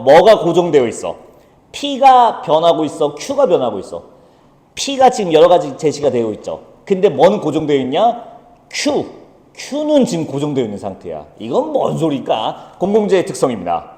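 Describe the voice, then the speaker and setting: A man teaching a lively economics lesson, blunt and teasing, firing off quick rhetorical questions. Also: a little high. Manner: blunt and teasing, swears at students. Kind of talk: lively lecture. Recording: echoey room with long reverb.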